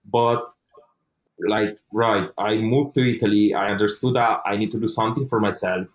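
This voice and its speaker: As a guest in an interview, a young non-native English speaker earnestly recounts his own story, restarting frequently and swearing in a casual way. He talks at a moderate pace with a steady tone and a fairly low pitch.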